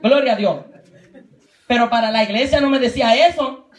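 A man's voice: extremely high pitch, a little fast. Man preaching in an echoing church. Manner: punctuates with praise exclamations, slips in English words. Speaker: preacher at a youth retreat. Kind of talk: sermon. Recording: echoey church room.

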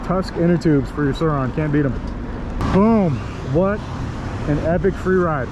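Man vlogging outdoors over loud wind noise. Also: a little high, measured pace. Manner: laid-back slangy delivery. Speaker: vlogger riding an electric dirt bike. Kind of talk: casual vlog commentary while riding. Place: outdoors riding through city streets. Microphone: action camera mic with wind protector.

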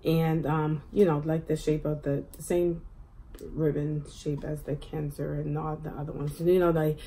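A woman's voice: low voice, little pitch movement, normal speed, warm tone, a little hiss or hum, rough recording. A woman chatting casually to camera at home as she eats for a mukbang video, rambling with lots of fillers. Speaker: mukbang vlogger. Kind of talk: casual chat to camera while eating.

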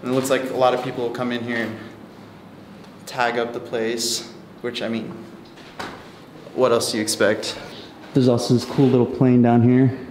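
A young man in his twenties chats into a handheld camera held at arm's length as he walks outdoors. His talk is casual and full of slang. Steady outdoor noise runs clearly behind his voice. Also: mid-range voice, normal speed, long pauses. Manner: laid-back, chatty, slangy. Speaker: travel vlogger. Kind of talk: casual travel vlog. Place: outdoors on a hiking trail and beach. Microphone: handheld action camera at arm's length.

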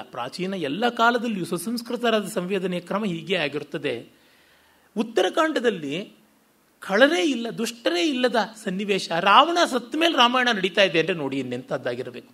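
A middle-aged man with a Kannada accent gives a scholarly lecture. His voice sits high and swings widely, rising on rhetorical questions and sinking low to make a point. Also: husky. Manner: animated, rhetorical questions, sweeping pitch. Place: lecture hall.

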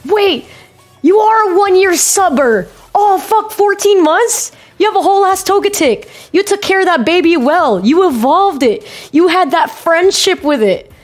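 A young woman hosting a casual livestream, chatting to viewers in a playful, excitable gamer-girl way with plenty of swearing and slang. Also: extremely high pitch, measured pace. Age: young adult. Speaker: live streamer, host. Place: small bedroom streaming setup. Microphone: close boom-arm microphone, headset on.

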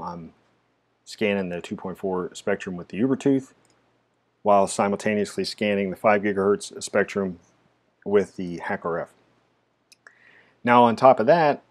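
A man narrating a casual screen-recorded software tutorial, explaining each step with frequent "uh" fillers. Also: low-pitched. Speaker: tech tutorial presenter.

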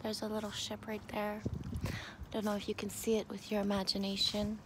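Holding her phone on a lakeside beach, a vlogger from Canada rambles through casual, dreamy musings, cursing without restraint. She talks a little fast in a mid-range voice with completely flat delivery. Faint noise runs through this outdoor phone recording.

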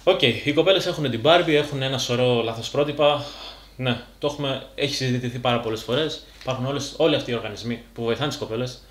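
A man's voice: mid-range voice, few pauses, fairly bright tone. Blunt, slangy man in a roomy space. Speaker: fitness YouTuber. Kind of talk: casual direct-to-camera monologue.

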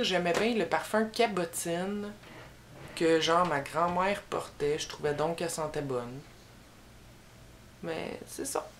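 A young Québécois woman, a YouTuber from Quebec, chats slowly and casually through a tag video, rambling with plenty of filler pauses. Her voice is lowish with a faint hiss or hum, and the camera in front frames her head and shoulders against a bookshelf in a small room.

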